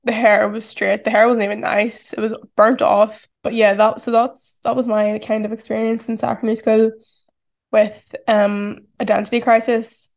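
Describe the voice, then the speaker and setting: Slightly high and flat, with some vocal fry, this Irish woman in her twenties speaks at a normal pace. Her accent is strong, and on her laid-back solo podcast she muses aloud, leaning heavily on "like."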